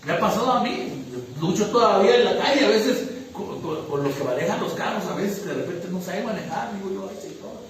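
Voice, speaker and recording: A man's voice: high voice, expressive, fairly quick, few pauses, crowd noise. A man preaching a sermon, emphatic, often checking whether listeners follow. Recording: echoey room, distant mic.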